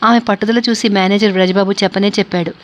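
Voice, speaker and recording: A woman narrating a translated novel aloud as the channel's storyteller, steady and measured. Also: medium pitch. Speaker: audiobook narrator.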